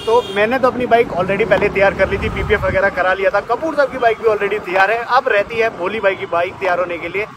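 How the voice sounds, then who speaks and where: A man's voice: high voice, quick pace, hardly any pauses. A man in his thirties, a motorcycle vlogger, chatting casually and teasing his friends, filmed on an action camera held at arm's length. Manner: teasing, jokey banter. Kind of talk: casual vlog chat. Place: city street outdoors, then parking basement. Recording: street noise behind.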